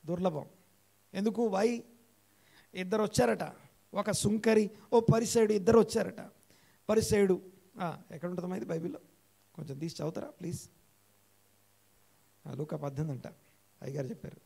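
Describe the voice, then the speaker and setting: A male pastor preaching an interactive sermon in a church, repeating key phrases, quizzing his listeners and slowing down to read scripture aloud. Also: fairly even intonation, gravelly, warm tone, breathy edge. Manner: slows and rises in pitch when reading scripture aloud. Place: church hall.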